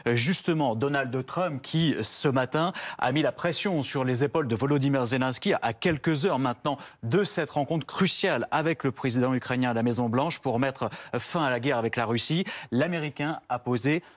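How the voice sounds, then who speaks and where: A man's voice: mid-range voice, moderate pace, hardly any pauses. Man co-anchoring live breaking news.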